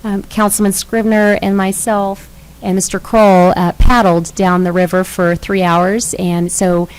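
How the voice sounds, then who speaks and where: A middle-aged woman chairing a city council meeting, speaking in a gracious, measured, welcoming way. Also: medium pitch, level tone, smooth, rough recording.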